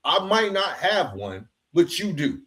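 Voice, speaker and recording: This podcast host has a high, somewhat bright voice with big swings in pitch, and he takes his time. Interviewing a guest conversationally, he reflects casually, affirms what the guest says, and punctuates his points with slang.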